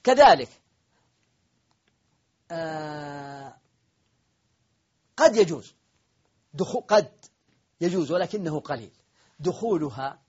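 A man's voice: sits high, darkish tone, slightly rough, lo-fi sound. A man teaching an Arabic grammar lesson, explaining step by step, repeating key points and answering his own questions.

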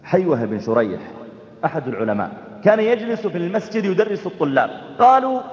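Fast, high-voiced man preaching in a hall. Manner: animated, acts out the dialogue. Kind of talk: sermon storytelling. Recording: dull echoey hall.

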